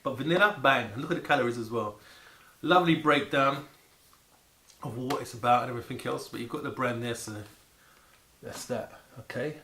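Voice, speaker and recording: A man chatting casually and excitedly to camera about food, rambling and repeating words for emphasis. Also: mid-range voice, a little fast, pauses often. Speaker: vlogger presenting food to camera. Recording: echoey room with faint background noise.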